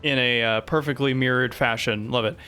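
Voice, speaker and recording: A man's voice: mid-range voice, steady tone, fairly quick, bright, forceful tone, clean tone, soft background music. A man casually narrating a tabletop game as game master, improvising hesitantly.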